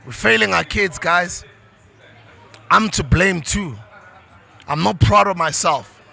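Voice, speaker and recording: Passionate South African man, bright and gravelly. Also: sits high, lively intonation, takes it slowly. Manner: passionate, preachy, switches into isiZulu. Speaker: motivational speaker. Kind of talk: motivational monologue.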